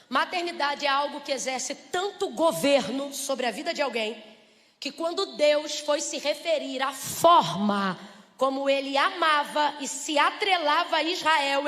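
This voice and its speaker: Pregadora brasileira animada, voz aguda, faz pergunta pra igreja toda hora, eco de salão. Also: female voice, high-pitched, fairly bright tone. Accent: Brazilian. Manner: rhetorical questions to the congregation, acts out little scenes. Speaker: preacher. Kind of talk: lively church sermon. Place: church. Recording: reverberant church hall.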